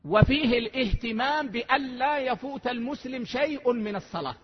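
A man with a high, husky voice delivers a measured religious lesson, repeating key phrases so they sink in. He sounds like he is in a large, echoing hall, and the recording is dull and lo-fi. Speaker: sheikh teaching a lesson. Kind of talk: religious lesson explaining a text.

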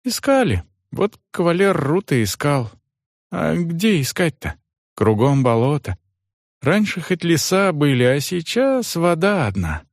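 A man's voice: a little high, very animated, unhurried, no echo, clean studio sound, voice pushed up, full character voice. A man voicing a simple, chatty peasant servant who talks in a folksy, rambling singsong. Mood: gossipy. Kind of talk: audiobook character voice.

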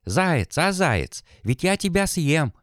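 A man's voice: a little high, very animated, slow pace, dry recording, studio quality, voice pushed up. A man reading an audiobook, voicing a fairy-tale wolf who threatens in a teasing way. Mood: threatening.

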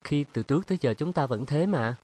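A stubborn, weary young woman from an audiobook, put on by a male narrator. She answers in firm, defensive retorts, the voice raised well above a man's usual pitch. Her lines sound clipped and a little tired. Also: expressive, brisk, a little mellow. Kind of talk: audiobook character reading.

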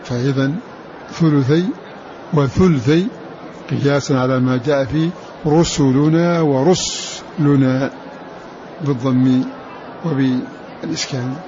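A man teaching the variant readings of the Quran, explaining slowly, repeating words and chanting verse lines. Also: mid-range voice, fairly even intonation, dark tone, dull audio, a little hiss or hum.

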